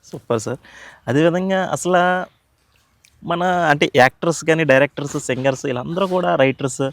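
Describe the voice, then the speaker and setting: A man with a Godavari Telugu accent interviews a guest in a respectful, praising way, calling him sir often. His voice sits a little high. The recording sounds close and dry. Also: a little fast, vocal fry, no room sound. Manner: warm, full of praise, says sir often. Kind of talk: casual interview questions.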